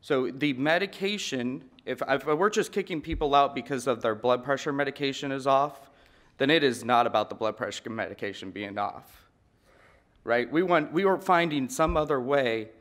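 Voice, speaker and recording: At a podium microphone in a large conference hall, a man in his thirties gives an earnest, conversational breakout talk, often repeating words as he restarts sentences. His voice is medium-pitched and a bit bright, at a normal speed.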